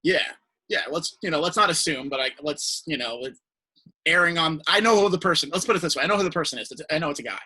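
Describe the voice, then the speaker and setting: Husky young man, bright rambling chat. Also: a little high, animated, fast, poor audio. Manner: rambling, filler-heavy, laughs often. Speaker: podcast host. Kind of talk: casual chat.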